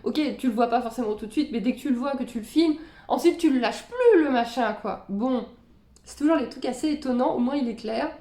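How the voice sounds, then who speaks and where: Woman vlogger, higher voice, casual musing reaction chat, roomy echo. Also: fairly quick, warm tone. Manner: musing, chatty, reads captions aloud then comments. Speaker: spiritual content creator reacting to videos.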